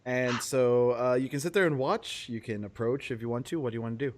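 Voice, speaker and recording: A man's voice: medium pitch, brisk, slight background noise. A man running a tabletop game as game master, narrating loosely with fillers and chuckles.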